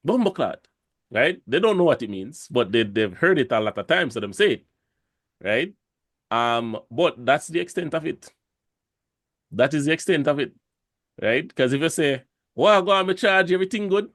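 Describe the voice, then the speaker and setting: A man's voice: mid-range voice, animated, moderate pace, pauses often, no room sound, studio quality. A Jamaican man talking casually on a podcast, rambling with many fillers and restarts. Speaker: podcast host.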